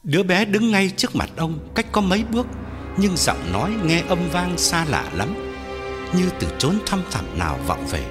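A male narrator tells a ghost story in a slightly raised voice with wildly sweeping intonation. Loud music plays under the whole reading. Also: high-pitched, big pitch swings, normal speed. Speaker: audiobook narrator.

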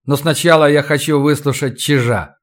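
A man voicing a calm warrior who speaks in a measured, blunt way. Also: fairly high pitch, close to an everyday voice. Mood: cool.

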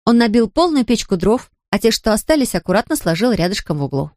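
A woman narrating a children's story in a gentle, steady storytelling manner. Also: a little high, fast, no echo, clean studio sound.

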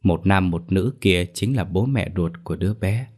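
Man, very low voice, horror story narration, measured and slow. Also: darkish tone.

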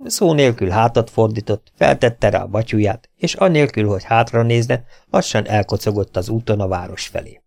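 Sex: man. Role: audiobook narrator, measured. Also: fairly low pitch, creaky, darkish tone, no room sound. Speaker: audiobook reader. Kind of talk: scripted narration.

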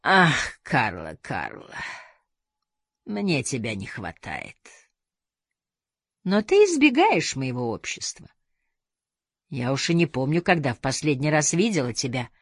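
A woman doing a gravelly, scornful old madam. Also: rumbling low, wildly swooping pitch, a little slow, pauses often, no room sound, studio quality, pitched below the performer's own voice, full character voice. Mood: reproachful. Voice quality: gravelly, grating voice. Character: secretive old woman, brothel madam, cruel and mocking.

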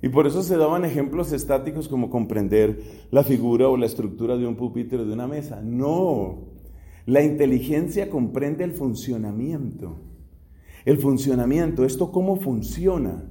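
A man's voice: medium pitch, expressive, normal speed, warm tone. A man from Colombia, a Dominican friar, lecturing on philosophy in an emphatic way and repeating key questions to drive them home.

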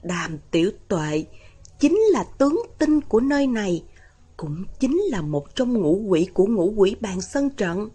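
A woman voicing a calm, knowing young male exorcist in a storybook reading, explaining patiently. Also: medium pitch, unhurried, slightly rough.

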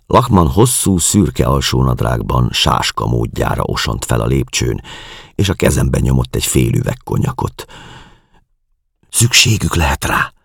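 A man narrating a novel aloud in the first person, slow, subdued and measured. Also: a bass voice, lively intonation, creaky, breathy edge, no echo, clean studio sound. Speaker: audiobook narrator.

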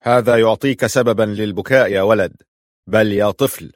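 A harsh Mamluk master in his middle years barks orders and threats, as a male narrator puts him on. The voice sits low and firm. It is recorded close and dry with no room sound. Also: moderate pace, no echo, lightly acted. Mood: angry. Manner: commanding, threatening.

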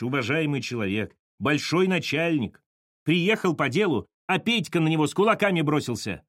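Man voicing a fed-up young woman, bossy, scolding, lively swings, storybook style. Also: on the high side, no echo, clean studio sound, voice pushed up. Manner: scolding, exclamatory. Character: exasperated young woman, sharp and commanding.

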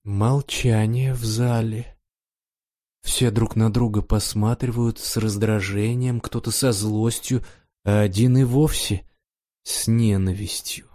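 A man reading a science fiction audiobook aloud in a steady, expressive narration. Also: lowish voice, slow pace.

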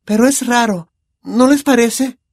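A man voicing a bookish, worried teenage girl in an audiobook, with high, insistent questions. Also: unhurried, no echo, clean studio sound, full character voice. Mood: uneasy.

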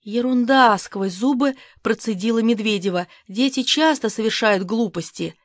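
A bitter middle-aged wife in an audiobook, read by a woman, who speaks through clenched teeth. Her voice is a little high. The recording is dry. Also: moderate pace, no room sound, natural voice.

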